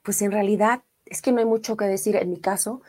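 A middle-aged woman with a Mexican accent, a singer chatting casually on a live stream, reading viewer comments warmly and effusively. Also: medium pitch, steady tone, brisk.

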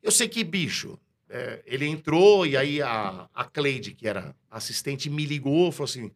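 A man with a Brazilian accent, a radio announcer telling a story in a casual interview, slangy and lively, acting out the dialogue he recounts. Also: medium pitch, unhurried. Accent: Brazilian Portuguese.

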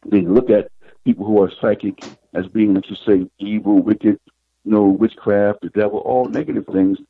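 A middle-aged man, a psychic guest, telling his life story in an interview in an unhurried, reflective way. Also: fairly low pitch, steady tone, creaky, slightly rough, dry recording. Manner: unhurried, reflective, retells scenes with quoted dialogue. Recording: tinny phone line.

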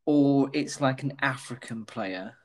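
A man's voice: mid-range voice, measured pace. Hesitant man thinking aloud through guesses. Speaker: quiz contestant. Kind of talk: casual football quiz chat.

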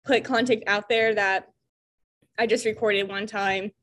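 A woman's voice: medium pitch, steady tone, unhurried, a bit bright. A young woman with a Midwestern American accent, co-hosting a casual chat, talking in a chatty, self-deprecating way full of "like" fillers. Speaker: podcast co-host.

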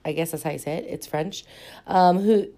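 Sick lady podcast host, hoarse deep-ish voice, lots of ums, rambly book chat. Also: moderate pace, warm tone. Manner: chatty, frequent ums, self-deprecating. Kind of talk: casual book talk monologue.

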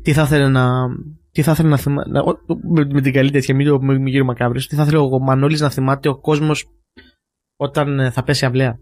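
A man hosting a radio interview, asking questions in a halting way with frequent restarts. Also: mid-range voice, little pitch movement, darkish tone, dry recording, studio quality. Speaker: radio host. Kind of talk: casual interview.

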